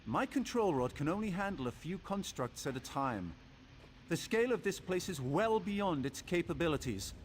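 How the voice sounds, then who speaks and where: A man's voice: on the high side, sing-song, moderate pace, a little hiss or hum. A man voicing an eager, erudite scholar of ancient ruins in a video game, wordy and theatrical in his delivery. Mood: rueful, intrigued. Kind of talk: scripted video game character dialogue.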